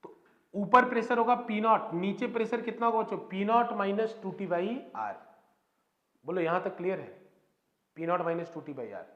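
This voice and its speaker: Physics teacher, male, high voice, quizzes students as he explains; dull lo-fi recording. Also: normal speed. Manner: explains step by step, keeps asking students questions. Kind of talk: classroom lecture. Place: classroom. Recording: echoey room, dull lo-fi sound.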